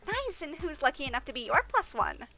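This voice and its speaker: A woman's voice: high voice, very animated, sharp tone, soft background music, pitched above the performer's own voice, heavily acted. A woman doing a chipper, bossy young assistant. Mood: teasing. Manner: bossy, brisk, fast-scheming.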